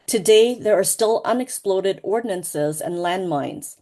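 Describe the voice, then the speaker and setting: A co-author from Laos, a woman, speaks at an online book launch over video, keeping a measured and earnest pace. Her voice sits in the mid range, with lively intonation and a dark tone.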